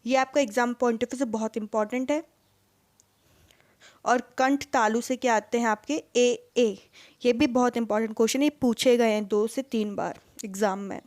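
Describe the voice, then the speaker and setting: A woman's voice: a little high, steady tone, moderate pace, darkish tone, no room sound, studio quality. A woman teacher giving an exam-prep lesson, asking questions and then answering them herself. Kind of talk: exam-prep lesson, Hindi mixed with English words.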